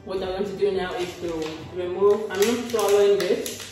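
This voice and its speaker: A woman's voice: mid-range voice, steady tone, moderate pace, recorded from a distance. Woman, mouth full of charcoal paste, chatty how-to vlog, echoey room, off-mic, faint music behind. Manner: chatty, self-correcting, talking while demonstrating. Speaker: beauty vlogger.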